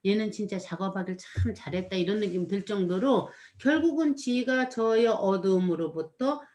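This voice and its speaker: A woman's voice: mid-range voice, normal speed, a little mellow. A woman in casual chat, rambling as she recounts something she saw, with frequent filler words and a reflective tone. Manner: rambling, full of "이렇게" fillers. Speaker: storyteller recounting a performance.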